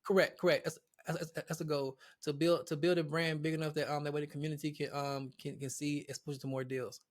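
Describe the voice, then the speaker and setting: Speaking fast with a level tone and fairly high pitch, this man appears as a guest on an interview show. He founded a real estate platform and chats casually about it, often restarting and repeating words.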